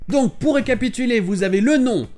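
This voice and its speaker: A man gives a scripted pronunciation lesson, spelling out each sound clearly and modelling words slowly. His delivery rises and falls in a lively way, with faint music playing under his voice-over. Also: extremely high pitch. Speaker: English teacher and channel host. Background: soft background music.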